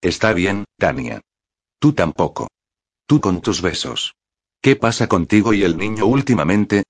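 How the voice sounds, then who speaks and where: Audiobook: male narrator doing a tired, deep-voiced father, low-key and teasing. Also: sing-song, measured pace, slightly rough, dry recording, exaggerated voice. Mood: gentle. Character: weary bearded war veteran father, gentle and teasing. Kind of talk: audiobook reading.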